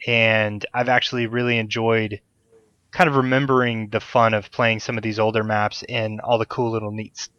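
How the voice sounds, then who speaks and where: A man's voice: mid-range voice, a bit bright, no room sound. Male podcast host, enthusiastic and rambling, casual swearing; muffled lo-fi call, dead-dry room. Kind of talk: casual chat over a Skype call. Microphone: desk mic on a call.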